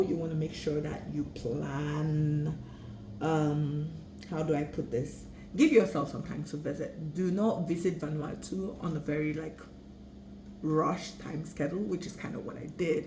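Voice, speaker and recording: Gravelly-voiced chatty woman vlogger from Cameroon. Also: deep voice. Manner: chatty, rambling, self-correcting. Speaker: travel vlogger. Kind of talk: casual travel tips vlog. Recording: echoey room with background noise.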